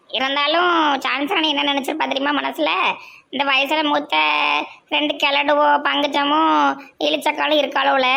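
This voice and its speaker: A woman's voice: sits high, creaky, sharp tone, heavily acted. A woman voicing a meddling, gossiping older village woman in a comic cartoon, with a Tirunelveli Tamil accent. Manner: gossipy, grumbling.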